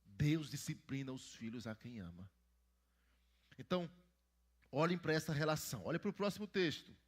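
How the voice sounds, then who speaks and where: Man teaching a lively church Bible lesson. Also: a little high, normal speed, husky. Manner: asks the children questions and prompts answers. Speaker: pastor teaching Sunday school.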